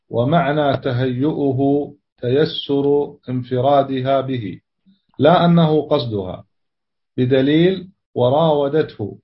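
A student reads a classical text aloud for his teacher, his voice mid-pitched and even. He recites carefully and keeps the text formal. The recording sounds dull and lo-fi.

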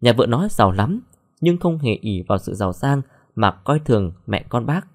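A man's voice: medium pitch, sing-song, moderate pace, a little mellow. A man voicing a curt, dismissive older mother in an audio story. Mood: cold.

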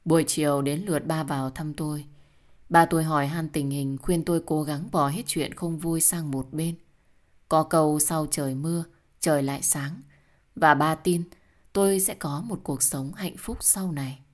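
A woman narrating an emotional first-person audio story in a soft storytelling manner. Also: deep voice, fairly even intonation, normal speed.

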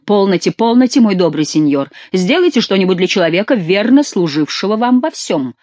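An audiobook reader voicing a scheming, flattering nobleman count in a dramatic reading. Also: medium pitch, a little fast, no echo, pitched above the performer's own voice, close to an everyday voice. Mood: threatening.

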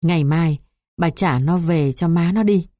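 Old lay monk, southern vietnamese, blustering, low dark tone, read by a woman. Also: measured pace, dry recording, clean studio sound, lightly acted. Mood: accusing. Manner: accusing, blustering.

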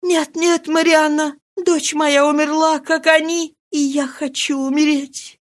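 A woman voicing a grief-stricken young noblewoman, speaking high and pleading in trembling despair. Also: flat delivery, measured pace. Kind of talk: audiobook character reading.

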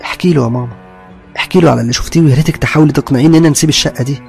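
A man's voice: on the high side, very fast, vocal fry, darkish tone, faint music behind, voice pushed up. A man voicing a desperate young Egyptian wife. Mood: upset. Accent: Egyptian Arabic. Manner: pleading, indignant.

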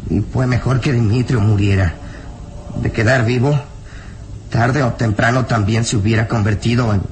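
With slight background noise, a male actor at medium pitch lightly plays a burly, frightened, bitter peasant villager in a melodramatic radio drama. The lines come out anguished, emphatic and halting.

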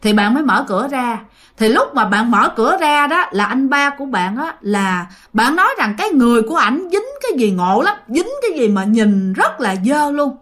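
A woman's voice: a little high, big pitch swings, moderate pace, fairly bright tone. A woman telling a ghost story in a chatty, casual way, full of fillers and asides to her listeners. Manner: chatty, many fillers, addresses listeners directly.

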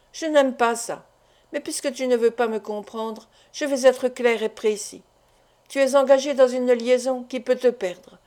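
A woman reading a blunt, irritable older father in an audiobook, lecturing his grown son in a familiar, worldly way. The voice sits a little high, with a warm, mellow tone. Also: lightly acted. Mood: exasperated. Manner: scolding, then coaxing and familiar.

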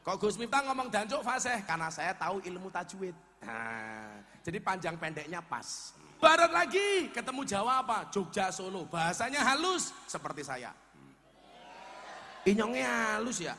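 A man with a Javanese accent preaching a humorous sermon, animated, shouting punchlines and mimicking regional dialects. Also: sits high, moderate pace, few pauses. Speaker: Islamic preacher. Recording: long hall reverb, faint background noise.

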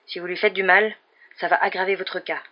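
A reader, likely a woman, voicing a calm, firm male police officer, on a dull lo-fi recording. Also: mid-range voice, fairly quick, close to an everyday voice.

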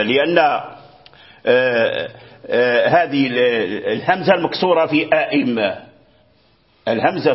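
A man's voice: a little high, highs cut off. A man teaching Quran recitation rules, repeating words, restarting often and checking that his student follows. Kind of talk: explaining a lesson to a student.

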